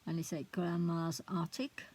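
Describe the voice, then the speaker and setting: A woman's voice: on the low side, flat delivery, unhurried, a little mellow, poor audio. A middle-aged woman, a craft vlogger, chatting casually as she shows a handmade book, often hesitant and searching for words.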